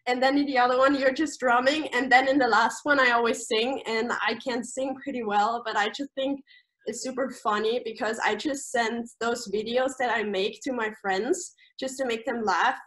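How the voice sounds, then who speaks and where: A young Austrian woman on camp staff, a native German speaker with an Austrian accent, chats casually about camp in a video-call interview, full of fillers and restarts. Her voice is a little high and a bit bright, with a steady tone at normal speed. The recording quality is low.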